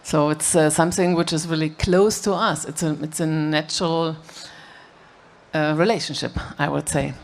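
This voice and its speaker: A panelist talking in a halting way, with fillers, on a stage panel. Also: male voice, a little high, steady tone, vocal fry, slight background noise. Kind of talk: panel discussion.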